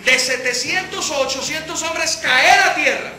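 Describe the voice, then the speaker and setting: A woman's voice: sits high, unhurried, sharp tone. A woman leading a Bible study sermon, acting out scripture quotes and asking the room rhetorical questions. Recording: echoey hall with faint music.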